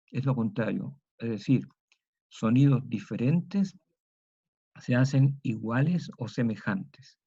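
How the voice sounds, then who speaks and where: A man with a Chilean accent giving a recorded lecture, explaining slowly and repeating words for emphasis. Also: medium pitch, mellow, no echo, lo-fi sound. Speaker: teacher.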